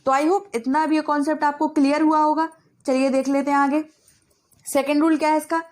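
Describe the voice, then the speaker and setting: A woman's voice: high-pitched, flat delivery, a little fast, darkish tone. A young woman teaching an exam-prep grammar lesson, asking questions and answering them herself.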